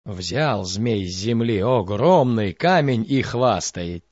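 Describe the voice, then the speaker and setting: A man telling a fairy tale in a measured, expressive storytelling voice. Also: on the low side, no echo, muffled recording.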